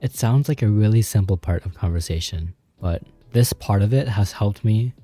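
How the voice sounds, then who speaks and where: Low, very dark-voiced man vlogging. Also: no room sound. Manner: rambling, loose, full of "like" and "you know" fillers; laughs at himself, informal with swearing. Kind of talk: casual advice talk to camera.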